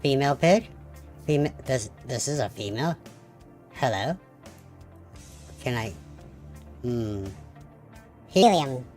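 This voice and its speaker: A man streaming casually, his voice run through a software voice changer that morphs it from chipmunk-high to robotic. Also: lively intonation, slow pace, pauses often, faint music behind. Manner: swearing, joking, reacting to his own altered voice. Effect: morphing voice from a software voice changer, swinging from chipmunk-high to robotic. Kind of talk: casual live-stream chat.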